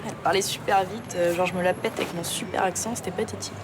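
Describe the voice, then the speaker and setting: A woman's voice: fairly low pitch, steady tone, fast, background noise, natural voice. An actress playing an upbeat young woman cheering up a friend in a TV soap drama. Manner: encouraging, breezy.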